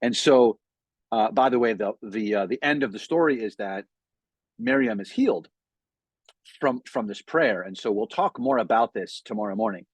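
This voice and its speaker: Husky-voiced rabbi, casual sermon delivery. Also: male voice, medium pitch, very animated, moderate pace, dry recording. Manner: conversational, thinking aloud with frequent fillers and restarts. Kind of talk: weekly sermon message. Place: in front of a Hebrew sign, dry room.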